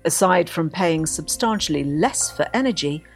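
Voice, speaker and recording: A woman narrating a documentary script with a husky voice. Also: lowish voice, animated, normal speed, faint music behind.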